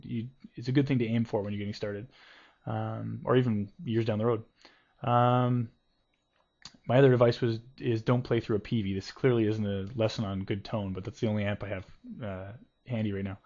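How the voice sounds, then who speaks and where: A man's voice: medium pitch, gravelly, a little mellow. A man giving a casual guitar lesson, explaining loosely with many ums and restarts. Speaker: guitar teacher. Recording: dull lo-fi home video audio with guitar.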